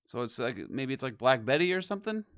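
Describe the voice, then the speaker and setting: A man's voice: medium pitch, big pitch swings, quick pace, a bit bright, smooth. A young man co-hosting a podcast, chatting casually and jokingly. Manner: joking, easygoing, trails off. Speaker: podcast co-host. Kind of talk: casual chat.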